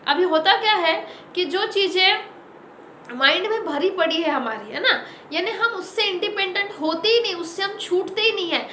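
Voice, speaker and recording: A woman's voice: extremely high pitch, expressive, normal speed, pushed and bright, a little hiss or hum. A woman giving a motivational talk as host of her own channel, speaking emphatically and repeating short calls to action. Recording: roomy echo.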